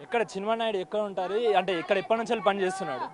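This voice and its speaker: A man's voice: high-pitched, very fast. A male news reporter doing a formal field report outdoors at the scene, asking questions. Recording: crowd noise on location.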